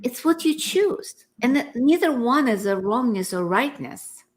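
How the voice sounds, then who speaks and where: A woman with a slightly high voice talks slowly on a video call. She muses in a reflective, spiritual way, taking her time between thoughts. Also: expressive. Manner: slow, reflective, spiritual musing. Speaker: co-host. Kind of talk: casual conversation.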